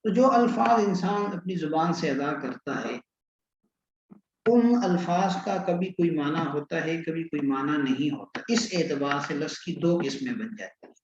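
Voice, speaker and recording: Man teaching slowly in an echoey room. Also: a little high, animated. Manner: patient, repeats and explains step by step with questions. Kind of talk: classroom lecture on grammar. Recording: echoey room, dull lo-fi sound with faint hiss.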